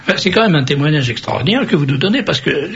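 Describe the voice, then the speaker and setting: Gravelly, blunt male radio host. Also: fairly high pitch, lively intonation, fast. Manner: blunt, opinionated and provocative. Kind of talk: radio interview. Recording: dull lo-fi radio recording with faint noise.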